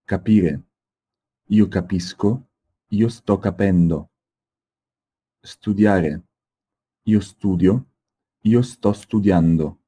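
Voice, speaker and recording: Slow, husky low-voiced man. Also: dark tone. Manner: slow, deliberate, carefully spaced. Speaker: language teacher reading examples. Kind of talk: slow read-aloud example sentences.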